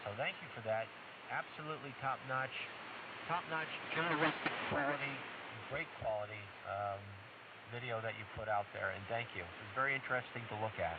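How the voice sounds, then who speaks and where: A man's voice: mid-range voice, fairly quick. A man running an amateur radio net, heard over AM ham radio that is slightly off-tune, calling out call signs in an orderly, courteous way. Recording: distant, muffled radio with loud static.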